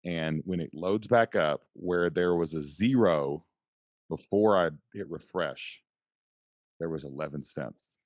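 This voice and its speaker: Very deep-voiced excitable storyteller man. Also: slow pace, no room sound. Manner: excitable, folksy, says "man" and "dude". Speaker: podcast guest, online entrepreneur. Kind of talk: animated storytelling.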